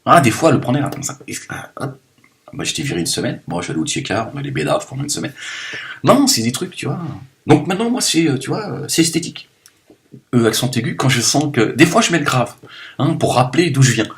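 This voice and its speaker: A man talking straight to his viewers in a loose, rambling monologue, joking and swinging between loud bursts and low mumbles. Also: sing-song, quick pace. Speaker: video blogger.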